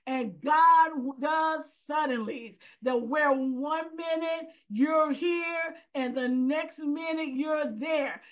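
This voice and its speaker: Woman preacher, high-pitched, slow deliberate delivery, fervent sermon. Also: bright, forceful tone. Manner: fervent, calls out hallelujah often. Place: virtual church gathering.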